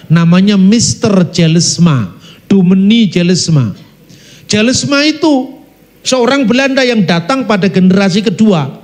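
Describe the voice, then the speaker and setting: A middle-aged preacher delivers an animated storytelling sermon. His voice sits fairly high for a man, and he turns to speak directly to the congregation as he goes. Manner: animated storytelling, addresses congregation, sings snatches of song.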